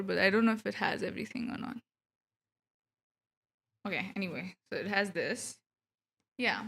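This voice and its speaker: Her voice is a little high, pushed and bright as this Indian streamer chats casually, scattered and giggly, during gameplay on her livestream.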